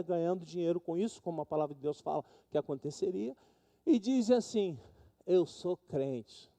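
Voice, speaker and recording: A Brazilian pastor with a Brazilian Portuguese accent preaches a sermon in a church sanctuary. His voice is high for a man but very dark and mellow. He dramatically acts out the people in his stories, swinging his pitch widely as he quotes them.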